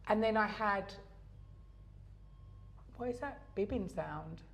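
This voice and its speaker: A middle-aged Englishwoman with a Southern English accent co-hosts a podcast, telling stories in relaxed conversation. She speaks slowly at a medium pitch and keeps using fillers and restarting her sentences.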